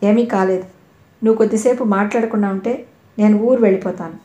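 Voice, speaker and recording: In a roomy, echoing recording, a mellow, low-toned voice gives a resentful young man his cutting, curt lines, read out by a woman narrating an audio novel. He sounds wounded and bitter. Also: fairly even intonation, fast talker, highs cut off, lightly acted.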